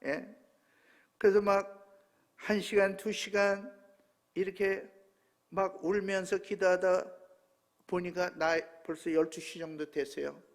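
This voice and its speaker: A pastor in his seventies preaching a sermon, telling a personal story with emotion that swings from hushed tones to loud exclamations. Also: high-pitched, flat delivery, slow, pauses often. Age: 70s.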